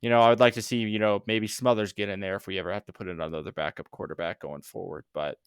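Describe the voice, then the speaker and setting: Low-voiced sarcastic man on a sports podcast. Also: steady tone, fast talker, clear, resonant tone, dry recording, studio quality. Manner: sarcastic, rambling with many fillers. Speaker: podcast co-host. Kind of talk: casual sports podcast chat.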